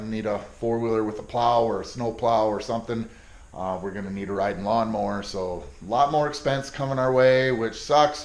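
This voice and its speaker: A man with a mid-range voice talks casually to the camera, rambling from one point to the next and swearing freely when irritated. His voice bounces around an echoey room. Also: medium pitch. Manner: rambling, profane, easily irritated. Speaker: car vlogger. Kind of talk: casual vlog chat.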